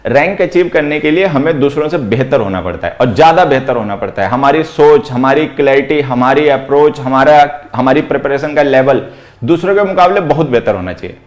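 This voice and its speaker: A man teaching an exam-prep grammar lesson, explaining step by step, repeating key points and slowing down to dictate example sentences. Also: medium pitch, lively intonation.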